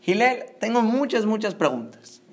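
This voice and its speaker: A man's voice: high voice, sing-song, normal speed, a little mellow, pitched above the performer's own voice. A man voicing an insistent male questioner who keeps pressing with provoking questions. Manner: insistent, needling.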